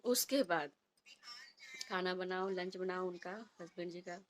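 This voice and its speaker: A woman in her thirties chatting softly in a casual home vlog, recorded at home on a phone set a little way off. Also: lowish voice, steady tone, measured pace, a little hiss or hum, poor audio. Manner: speaks softly and quietly. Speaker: vlogger and homemaker. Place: indoors at home. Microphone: phone placed a little way off.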